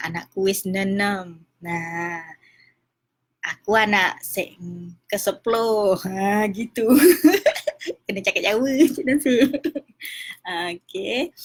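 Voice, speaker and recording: Giggly chatty Malaysian mum teaching words. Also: female voice, medium pitch. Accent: Malaysian Malay, Johor. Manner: chatty, laughs often, draws out sounds to demonstrate. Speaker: home teacher of simple Javanese words. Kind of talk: casual home video lesson.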